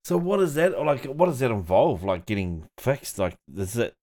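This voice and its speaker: A man's voice: medium pitch, very animated, moderate pace, mellow. A man with a New Zealand accent hosting a podcast in laid-back, slangy, sweary casual chat. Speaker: podcast host.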